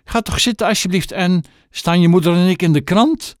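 A man voicing a kindly old male tramp who talks in a soft, pleading, friendly way. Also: sits high, moderate pace, no room sound, clean studio sound, voice pushed up, natural voice. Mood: warm.

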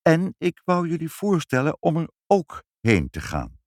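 A man voicing a kindly, bustling mother in a high, brisk voice. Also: huge pitch swings, a little mellow, dry recording, clean studio sound.

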